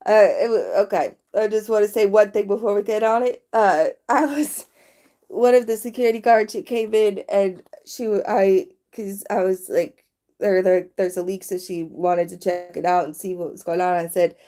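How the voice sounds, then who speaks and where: A woman's voice: mid-range voice, fairly even intonation, moderate pace, dark tone. A woman chatting casually on a late-night livestream, sleepy and yawning, rambling from one thought to the next.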